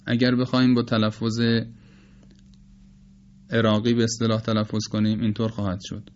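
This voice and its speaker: A man with Persian as his first language, teaching the pronunciation of letters in a measured, explanatory lecture and slowly demonstrating sounds. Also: on the low side, level tone, a little mellow, muffled recording. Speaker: teacher of Quranic recitation. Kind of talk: spoken lecture on phonetics.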